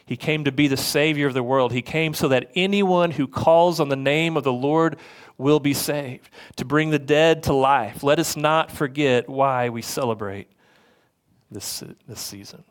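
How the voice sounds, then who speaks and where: A man's voice: mid-range voice, unhurried, smooth. Earnest man preaching a sermon. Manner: earnest, conversational preaching with repetitions. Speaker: lead pastor.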